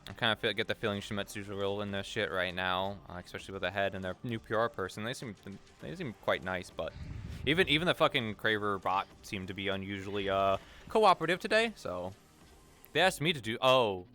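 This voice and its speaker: A man's voice: lowish voice, brisk, pushed and bright, soft background music. Rambling, swearing man in roleplay. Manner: rambling, profane, many restarts. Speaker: roleplay streamer. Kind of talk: casual in-character roleplay.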